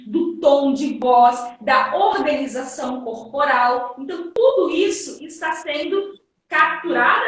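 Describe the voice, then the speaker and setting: High, animated Brazilian teacher in an echoey room. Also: female voice. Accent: Brazilian Portuguese. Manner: energetic, emphatic, acts out students' questions. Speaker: guest teacher. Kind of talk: lively live-stream lesson. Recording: echoey room, distant mic.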